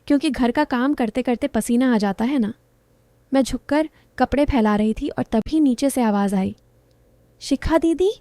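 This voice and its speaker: A woman's voice: fairly high pitch, dark tone, dry recording. A woman narrating a romantic story in the first person, in an intimate, confiding way.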